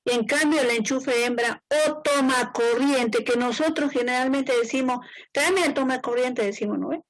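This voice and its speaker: A woman's voice: high voice, moderate pace, no echo, rough recording. Woman, engineering teacher, classroom lecture, informal, repetitive, frequent check-ins, dry sound. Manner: repeats points and checks in with the students; informal, conversational explaining.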